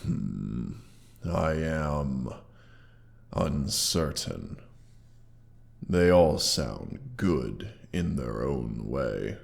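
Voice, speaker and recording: In a scripted roleplay monologue, a man plays a proud, menacing dragon who is wounded and guards his hoard, his very deep, gravelly voice run through a monster effect. His delivery is slow, deliberate and haughtily menacing, full of archaic wording. The acting is heavy and animated, the mood musing and threatening.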